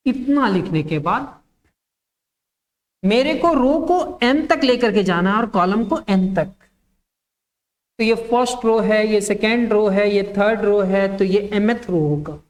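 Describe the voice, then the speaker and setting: A woman teaching a maths class at an unhurried, deliberate pace. She works through the material one step at a time, asking the class short questions and then giving the answers herself. She repeats each key term so that it sticks. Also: mid-range voice. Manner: slow, step-by-step dictation.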